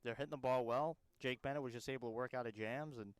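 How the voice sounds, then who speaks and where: A young man from Massachusetts giving relaxed, joking color commentary on a baseball game. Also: mid-range voice, fast talker, clean tone, no echo.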